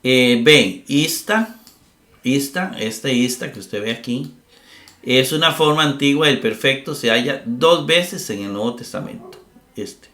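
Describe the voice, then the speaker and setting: A middle-aged man gives a recorded Greek grammar lesson in an animated, medium-pitched voice that sounds pushed and bright. He explains patiently step by step, often checks with "¿verdad?" and lingers on "eh," in roomy-sounding audio.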